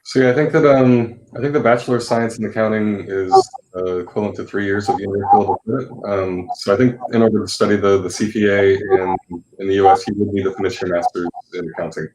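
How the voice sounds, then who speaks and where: Man, credential evaluator, very low voice, quick, matter-of-fact, noisy clicking call line. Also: fairly even intonation. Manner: matter-of-fact, hedging with fillers. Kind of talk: answering a question on a webinar.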